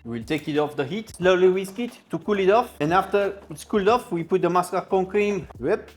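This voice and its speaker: A man's voice: sits high, lively intonation, a little fast. A man in his thirties with a French-style foreign accent, hosting a casual recipe demonstration in a playful, joking manner. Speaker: cooking show host. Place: indoor kitchen with steel fridges. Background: music.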